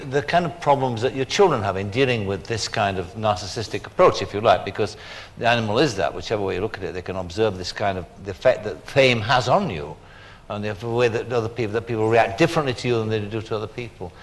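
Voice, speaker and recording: A man's voice: lowish voice, fast, few pauses. An older man hosting a talk show, asking chatty, leading questions. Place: television studio.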